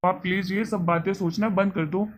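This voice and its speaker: A man's voice: sits high, fairly even intonation, normal speed, slight background noise, close to an everyday voice. A man voicing an earnest young husband. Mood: pleading. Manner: earnest, persuasive. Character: kind young husband, soon a father, patient son.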